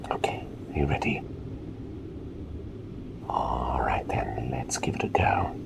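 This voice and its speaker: A man voicing a courteous, inquisitive plague doctor in a soft, repetitive, soothing ASMR whispered role-play. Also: a bass voice, lively intonation, gravelly, heavily acted. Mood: playful, soothing. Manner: soft, unhurried, gently repetitive and formal. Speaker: ASMR performer.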